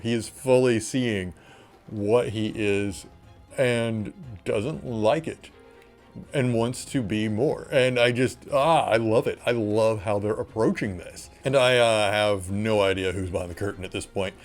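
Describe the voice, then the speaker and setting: A man hosting a reaction vlog, talking in a casual, excitable way that rambles and often restarts. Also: lowish voice. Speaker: channel host reacting to a TV episode.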